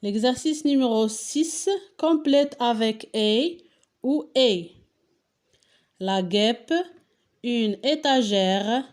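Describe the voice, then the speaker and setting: A woman with a Moroccan accent, teaching a lesson and correcting a worksheet, asking questions and answering them step by step while spelling out answers. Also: a little high.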